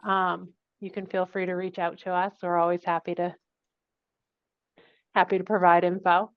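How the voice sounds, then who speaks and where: A woman with a lowish, resonant voice speaks clearly at an ordinary pace and keeps her tone level. She is a project consultant presenting to a commission at a public meeting, using casual, friendly, plain conversational phrasing. The meeting recording sounds dull and lo-fi.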